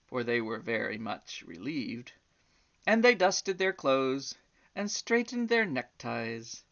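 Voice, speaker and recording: A storybook reader brings a children's tale to life, drawing out words with theatrical flair and tossing in chatty asides for young listeners. She has a low, slightly bright voice, and the sound is lo-fi.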